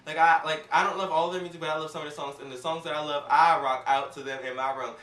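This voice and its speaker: A woman casually reviewing an awards show in a sassy, animated, gossipy way, acting out quotes as she talks. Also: low-pitched, quick pace, far from the mic. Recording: roomy, off-mic home recording.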